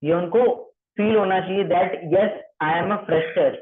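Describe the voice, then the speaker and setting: A man's voice: sits high, takes it slowly. A man coaching trainees through a calling script, repeating points, checking they understood, and slipping English phrases into his talk. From Maharashtra. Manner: repetitive, checks understanding often; mixes English phrases into Hindi. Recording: tinny phone-like audio.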